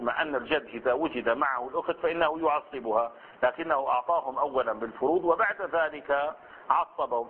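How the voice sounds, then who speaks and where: A male scholar teaching a recorded lesson on grammar and inheritance law. He asks himself questions, answers them, drifts into colloquial asides and draws out example words slowly. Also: on the high side. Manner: explains patiently, asks and answers his own questions; slips into colloquial Levantine Arabic asides. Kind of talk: recorded study-circle lesson. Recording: tinny phone-like band with faint hiss.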